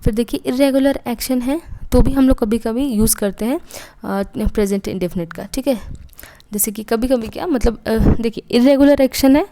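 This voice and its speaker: A woman's voice: fairly high pitch, moderate pace, mellow. A young woman teaching an English grammar lesson for exam prep, explaining step by step and asking and then answering her own questions. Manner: often says "ठीक है" between points.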